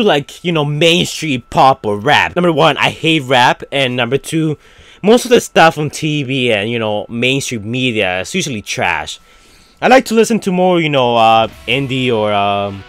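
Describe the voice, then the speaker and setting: Speaking with a medium-pitched, somewhat bright voice and no room sound, a young man with a foreign-sounding accent casually works through fan questions for his YouTube audience. He's chatty and rambling, with plenty of fillers.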